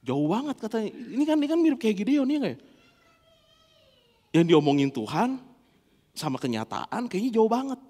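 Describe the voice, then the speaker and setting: A man preaching a lively, playful sermon, acting out little dialogues as he goes. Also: sits high, moderate pace, pauses often, long reverb tail. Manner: animated, playful, acts out dialogue. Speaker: pastor. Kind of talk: lively sermon with humorous anecdotes. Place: church.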